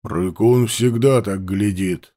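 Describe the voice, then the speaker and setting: A man's voice: slow, mellow. A male reader voicing a grim, irritable tracker who speaks in short, growling replies. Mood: gruff. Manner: terse, low and growling. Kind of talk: audiobook character voice.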